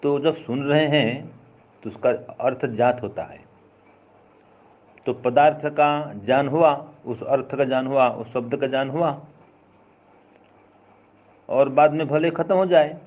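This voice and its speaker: A man's voice: mid-range voice, narrow, tinny audio. Man patiently explaining an old text. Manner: patient, repetitive explaining with examples. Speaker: philosophy teacher.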